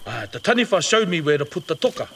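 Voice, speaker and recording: A man's voice: fairly high pitch, big pitch swings, fast talker, creaky, a little hiss or hum, heavily acted. A man playing a father on a supernatural errand in a dramatised audio story. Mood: determined. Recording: speech over loud music.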